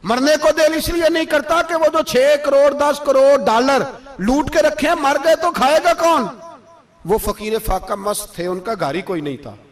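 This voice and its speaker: A man's voice: very high-pitched, lively intonation, moderate pace, far from the mic. A man preaching an emotional sermon, telling stories with impassioned, rising emphasis.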